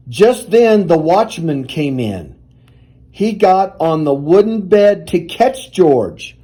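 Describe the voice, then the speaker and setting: A man with a high voice reads a children's picture book aloud, telling the story in an animated, deliberate way.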